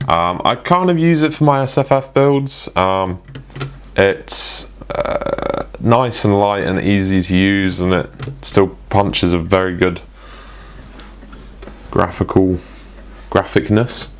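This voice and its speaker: A man's voice: low voice, slow, slight background noise. A young man presenting a casual tech product review, chatty and full of ums and restarts.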